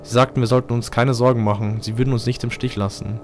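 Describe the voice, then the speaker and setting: A man's voice: mid-range voice, steady tone, quick pace. Male host narrating a scripted horror story over faint music, mid-range voice, dramatic delivery.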